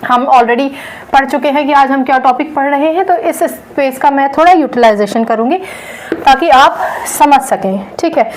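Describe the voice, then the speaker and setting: A woman's voice: sits high, normal speed, poor audio. A woman teacher giving a lecture in an explanatory way, often checking in with her students. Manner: explanatory, checks in with "theek hai". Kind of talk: classroom lecture.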